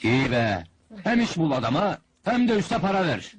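A man's voice: fairly high pitch, big pitch swings, normal speed, very noisy. An actor playing a stingy, scheming showman boss in a 1970s film comedy, talking like a brash huckster and barking sales patter at the crowd. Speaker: fairground penalty-game boss.

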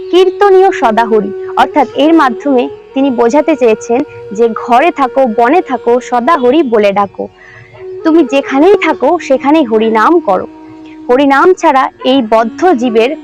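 High-voiced woman teaching devotional lore. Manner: earnest explanatory, recites Sanskrit verses slowly. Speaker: devotional channel host. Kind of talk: religious teaching talk. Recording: faint background music.

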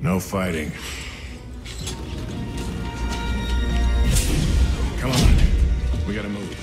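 An actor playing a cocky middle-aged smuggler in a game, with a wry, offhand manner. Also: male voice, low-pitched, animated, moderate pace, over loud music. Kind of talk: cinematic game dialogue.

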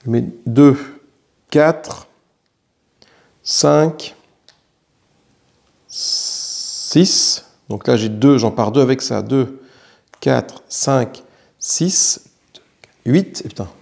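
A man's voice: mid-range voice, drawn-out words, gravelly, pauses often, a little mellow. A man with a French accent playing a solo board game, thinking aloud as he counts dice and swears lightly at bad rolls. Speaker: board game player narrating his solo play.

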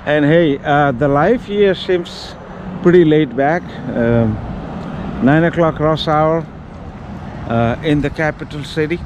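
Walking through city streets, a man in his fifties narrates his travel vlog slowly and hesitantly, with plenty of ums and uhs, his voice sitting a little high. An action camera held at arm's length captures him, along with clear street and traffic noise.

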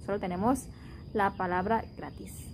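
A woman in her twenties from Indonesia, a Spanish teacher, answering interview questions thoughtfully in her learned Spanish with pauses. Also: mid-range voice, slight background noise, low-quality recording. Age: 20s.

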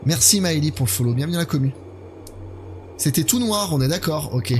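A man's voice: on the high side, expressive, brisk, a little hiss or hum. A man in his thirties giving casual live commentary on a horror game while chatting with his viewers. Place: indoor gaming setup.

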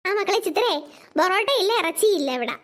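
A woman voicing a stern mother in a cartoon, speaking lower and firmly to her daughters. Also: expressive, quick pace, fairly bright tone. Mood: teasing. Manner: lower, firm and scolding. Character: stern mother who sees through tricks. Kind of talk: cartoon voice acting.

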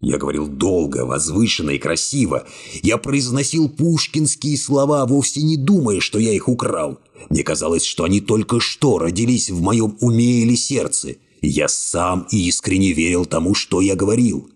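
A male narrator with a low, husky voice reads an audiobook. His delivery is wry and expressive, and his pitch moves widely through each sentence. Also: moderate pace. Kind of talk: scripted narration.

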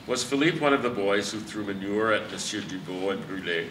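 A man playing a steady, measured chief inspector on a live stage, picked up in an echoey hall from a distance. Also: lowish voice, slight background noise, lightly acted. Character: calm, firm male chief inspector. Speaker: stage actor. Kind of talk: amateur stage play.

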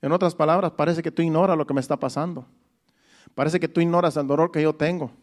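A man's voice: on the high side, steady tone, fast talker. A man preaching a Sunday sermon. He explains each verse step by step, restating it in plain words and often repeating phrases.

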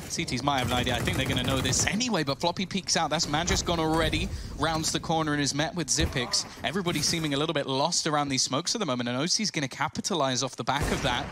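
A man working as an esports caster, giving live play-by-play commentary in a running present-tense narration. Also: on the high side. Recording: clear game noise behind voice.

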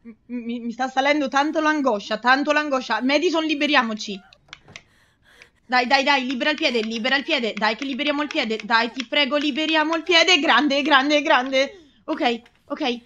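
High bright excitable woman gamer. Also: normal speed, highs cut off. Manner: anxious, exclaims and pleads with the game. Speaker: let's play host. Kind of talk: excitable gameplay commentary.

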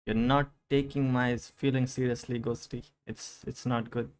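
Young male streamer, Indian English accent, mid-pitched voice, playful and teasing with chat. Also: level tone, moderate pace. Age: young adult. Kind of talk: casual live-stream chat.

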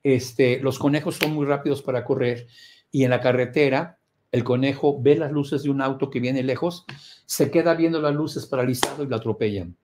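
A man's voice: mid-range voice, steady tone, normal speed, background noise. Emphatic man giving a motivational lecture. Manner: emphatic, rhetorical questions, acts out scenes with loud cries. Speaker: prosperity course teacher.

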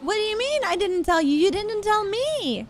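A woman's voice: very high voice, sing-song, normal speed. A young woman streamer role-playing a mischievous, mouthy character in a crime game, cheeky, sweary and playful, close on a desk mic. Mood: teasing. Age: young adult. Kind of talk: improvised in-game role-play chat. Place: small room at a streaming desk. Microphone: close desk microphone. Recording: game vehicle noise behind close mic.

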